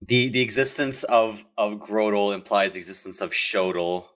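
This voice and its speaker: A man co-hosting a casual chat show with blunt, deadpan quips. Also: lowish voice, normal speed. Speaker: podcast co-host. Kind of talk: casual banter among friends.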